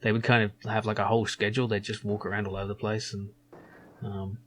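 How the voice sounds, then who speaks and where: A gameplay video host chats his way through a casual let's-play, amused and full of laughs and fillers, and reads the hero's lines aloud. His lowish, fairly bright voice comes out flat and fast, with a little hiss or hum on the recording.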